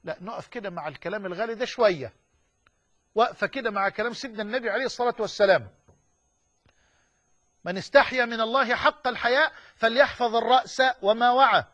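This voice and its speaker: High-voiced fervent Egyptian preacher. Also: male voice, fast, fairly bright tone, highs cut off. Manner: fervent, emphatic preaching mixing classical and colloquial speech. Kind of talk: sermon.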